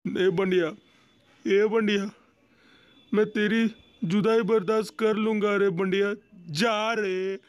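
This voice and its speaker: A man's voice: high voice, steady tone, takes it slowly, long pauses, dry recording. A man voicing a crude, sentimental father who must part with his son, overplaying the sorrow in a comic fan dub. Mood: mock-tearful. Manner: melodramatic, crude, mock-tearful.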